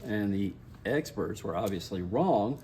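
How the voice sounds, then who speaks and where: A man co-hosting a casual football chat, relaxed and matter-of-fact with a wry edge. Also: fairly low pitch, a little slow, slight background noise. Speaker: co-host.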